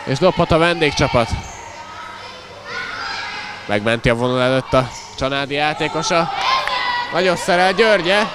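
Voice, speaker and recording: A man giving excited live sports commentary in an animated way, exclaiming and calling out players' names. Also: a little high, long pauses. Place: indoor school sports hall during a match. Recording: noisy echoing crowd, live match sound. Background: loud crowd and bouncing ball.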